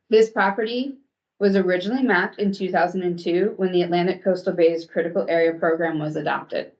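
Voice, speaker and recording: Low-voiced woman presenting over video-call audio. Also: darkish tone. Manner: measured, clear, with some hesitant ums. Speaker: commission staff presenter. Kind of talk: formal briefing presentation. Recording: dull lo-fi online meeting audio.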